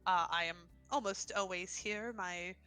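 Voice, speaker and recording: A woman's voice: lowish voice, unhurried, bright, forceful tone, clear, resonant tone, faint music behind. A woman voicing a chatty shopkeeper who welcomes visitors in a tabletop game, talking with small halts. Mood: friendly.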